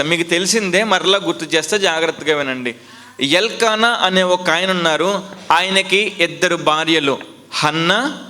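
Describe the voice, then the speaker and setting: A man's voice: high-pitched, pushed and bright. A man preaching a sermon as pastor, emphatic and repetitive, full of rhetorical questions and call-and-response.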